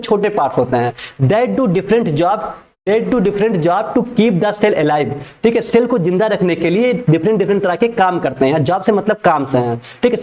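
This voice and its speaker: Man, young adult, high voice, teacher, repeats each point twice, slow read-aloud. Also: darkish tone. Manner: repeats each point in Hindi and English, reads English lines slowly. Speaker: pharmacy teacher. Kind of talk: exam-prep lecture.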